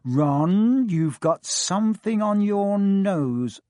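A man's voice: high-pitched, expressive, drawn-out words, dark tone, no room sound, studio quality, voice pushed up, exaggerated voice. A man voicing a middle-aged mother of many sons, fond and scolding by turns. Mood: calling, fussing.

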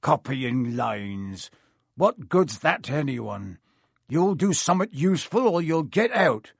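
A man voicing a big gruff gamekeeper who talks bluntly with country words. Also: a little high, big pitch swings, a little slow, no room sound, studio quality, voice pushed up, full character voice. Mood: stern.

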